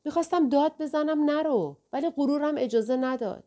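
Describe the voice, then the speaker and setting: A woman's voice: sits high, mellow, voice pushed up, lightly acted. Woman voices a proud young woman, insistent and pleading, a bit raised. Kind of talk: audiobook dialogue.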